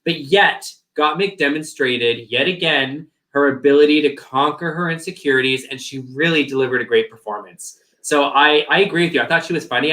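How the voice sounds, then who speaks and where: A man co-hosting a casual review chat, hedging and thoughtful, whose voice is going hoarse with frequent throat-clearing. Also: on the high side, pushed and bright. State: losing his voice, throat-clearing. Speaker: co-host.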